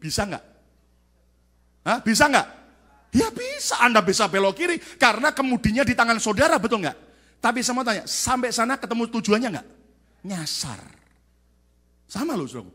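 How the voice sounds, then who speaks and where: A man preaching a sermon as pastor to a church congregation, asking questions and calling for answers, swinging from loud shouted peaks to quiet asides. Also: extremely high pitch, big pitch swings, brisk, long pauses. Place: large church sanctuary.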